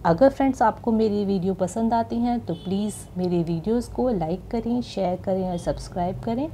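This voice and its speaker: A woman with an Indian accent hosting her channel and teaching English pronunciation, pronouncing each word clearly and carefully. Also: medium pitch, a little fast, warm tone, a little hiss or hum. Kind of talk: slow, deliberate pronunciation lesson. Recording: music playing behind.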